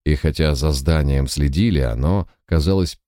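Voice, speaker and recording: A man reading an audiobook, narrating in a measured, even storyteller's manner. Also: a bass voice, no room sound, studio quality. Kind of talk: scripted narration.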